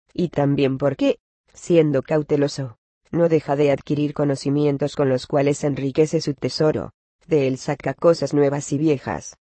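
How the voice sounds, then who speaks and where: A man reads a religious commentary aloud in a measured, even cadence. His mid-pitched voice stays nearly level throughout and has a warm, mellow tone. The sound is close and dry. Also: dry recording. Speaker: reader of a religious text.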